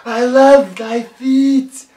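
A woman's voice: high voice, little pitch movement, extremely slow, dark tone. A woman playing a fawning, whiny, foot-obsessed monster servant in an improvised comedy, pleading with a master. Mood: gleeful craving. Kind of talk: improvised comic mockumentary role-play. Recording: roomy, distant mic with faint noise.

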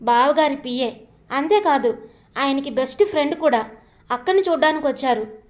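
A woman voicing a worried older brother who scolds his sister in hushed tones. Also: high-pitched, normal speed, natural voice. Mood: reproving.

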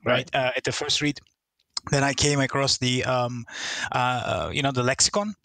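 A man's voice: medium pitch, little pitch movement, normal speed, bright, forceful tone, no echo. Hesitant man from Turkey. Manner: hesitant, many fillers and restarts, laughs easily. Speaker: guest, listener. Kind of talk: casual interview over a call.

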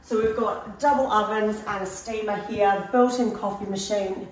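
A woman's voice: mid-range voice, fairly even intonation, moderate pace, a little hiss or hum. A woman, walking through a house and pointing out its features in an upbeat way. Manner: upbeat, pointing things out as she walks. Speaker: prize home tour presenter. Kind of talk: walk-through house tour. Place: large empty modern house, indoors and on a deck. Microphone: handheld camera following her at a distance. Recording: echoey rooms, voice a bit far from the mic.

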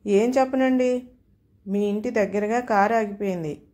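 A woman's voice: medium pitch, normal speed, mellow, close to an everyday voice. A woman reading a storybook tale, voicing a pushy, freeloading middle-aged man who wheedles favours over the phone. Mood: wheedling. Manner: overfamiliar, wheedling.

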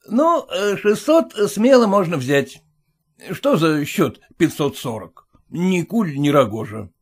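A man's voice: a little high, big pitch swings, takes it slowly, husky, pitched above the performer's own voice, heavily acted. A man reading an audiobook, voicing a rude, prying merchant landlord who bullies his tenants. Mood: blustering.

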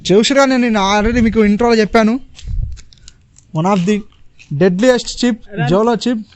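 A young man, hosting a prank vlog and teasing his friends with excitable commentary. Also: high-pitched, measured pace, a little hiss or hum. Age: young adult.

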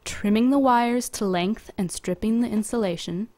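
Reading from a script, a company video narrator guides viewers through the steps in an even, deliberate manner. She has a fairly high-pitched voice, and her track was recorded away from the pictured workshop.

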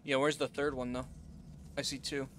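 A man hosting a game playthrough, giving casual commentary in a relaxed, musing way as he thinks aloud. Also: mid-range voice, moderate pace, background noise. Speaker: gaming host. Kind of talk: casual let's-play commentary.

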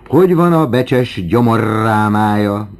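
A man reading an audiobook, voicing a fussy male museum clerk who drags out his puns slowly. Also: fairly low pitch, lively intonation, voice pushed up. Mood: joking. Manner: slow, exaggerated punning.

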